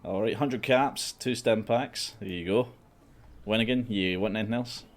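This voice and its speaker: Male game master, very low voice, playful storyteller. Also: normal speed. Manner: amused, often laughing, theatrical rhyming narration. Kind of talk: narrating a tabletop game.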